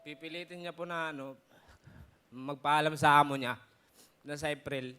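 A man's voice: on the high side, fairly even intonation, moderate pace, pushed and bright, clean tone. A man appearing as a contestant on a game show, giving heartfelt, respectful testimony about his family. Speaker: contestant, father. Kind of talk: emotional personal testimony.

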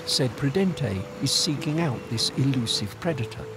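A man reading scripted nature documentary narration in a measured storytelling manner. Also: medium pitch, lively intonation, noisy background. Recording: music under the voice. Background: background music.

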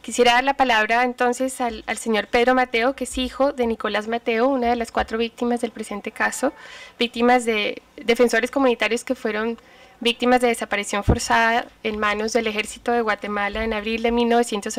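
A woman lawyer giving a formal introduction at a hearing, measured, with occasional hesitation fillers. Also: a little high, flat delivery, no room sound, far from the mic. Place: hearing room.

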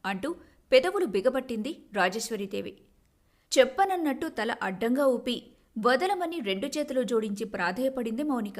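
A woman storyteller giving scripted, expressive narration of a family story. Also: fairly high pitch, moderate pace.

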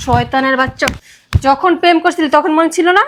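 Actress as defiant young woman, high quick voice, retorting. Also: background noise, natural voice. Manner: defiant, shouting back. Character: defiant young adult daughter, hot-tempered.

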